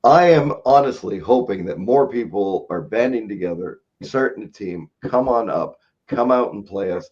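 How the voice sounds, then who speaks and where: A man's voice: on the low side, expressive, normal speed, darkish tone. A man hosting a podcast, rambling casually and laughing often, poking fun at himself. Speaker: podcast host. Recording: dull lo-fi sound.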